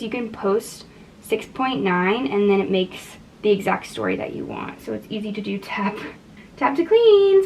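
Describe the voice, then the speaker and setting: Young female vlogger, chatty and self-mocking, bit higher pitch, faint background ambience. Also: slight background noise. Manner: chatty, self-deprecating, talks to herself while working. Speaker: lifestyle vlogger. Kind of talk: casual vlog voice-over and talk while cleaning. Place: apartment closet.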